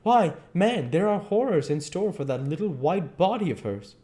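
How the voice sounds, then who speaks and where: A man voicing a grave, heartbroken gentleman, formal and pleading, from a classic novel. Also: high-pitched, big pitch swings, moderate pace, voice pushed up. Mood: pained reproach. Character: grave, heartbroken gentleman friend, earnest and reproachful.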